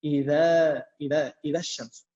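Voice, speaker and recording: A man with a high voice teaches a class. He speaks slowly, repeats key words and keeps quizzing his students. The sound is echoey and muffled. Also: fairly even intonation, darkish tone. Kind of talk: classroom lesson with student questions.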